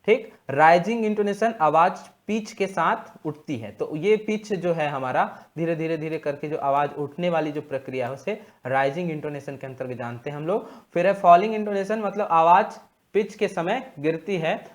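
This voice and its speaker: A young man lectures exam students in a slightly high voice. He explains slowly and repeats key terms, with frequent pauses as he works through his points. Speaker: exam prep teacher.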